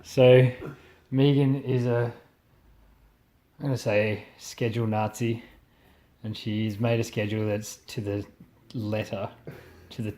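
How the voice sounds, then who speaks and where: A man's voice: on the low side, little pitch movement, unhurried, long pauses, mellow. A man hosting a casual travel podcast with friends, joking and often laughing as he talks. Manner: jokey, laughs often while talking. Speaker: podcast host.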